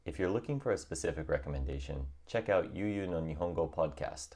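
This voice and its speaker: A young man calmly and encouragingly narrating a scripted tutorial on learning a language. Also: extremely low pitch, fairly quick. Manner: calm, encouraging and reassuring.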